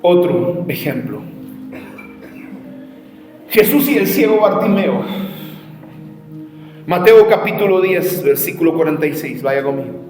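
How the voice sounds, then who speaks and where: Preacher in an echoey hall. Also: male voice, fairly high pitch, animated, measured pace, pauses often. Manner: passionate, shifts between shouting and quiet storytelling. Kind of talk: evangelism seminar sermon. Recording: echoey hall with faint music.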